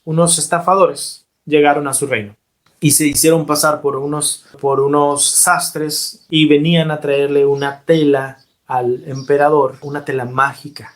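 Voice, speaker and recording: A man preaches by retelling a story, animated and emphatic. He slows down deliberately on key points, and his voice is pitched somewhat high for a man. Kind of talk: sermon-style storytelling.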